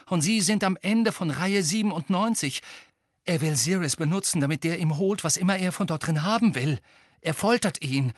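A man voicing a desperate teenage boy who urges his friends on with loud, urgent outbursts. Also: high voice, expressive, normal speed, no echo, clean studio sound, voice pushed up. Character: frantic teenage boy wizard, desperate and shouting.

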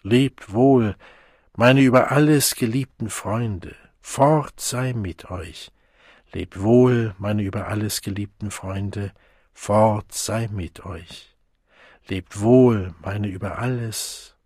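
A man voicing a synthetic loudspeaker voice that pleads softly and pathetically for peace. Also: lowish voice, breathy edge, no room sound, studio quality. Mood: tenderly pleading. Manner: soft, pathetic, slow and pleading.

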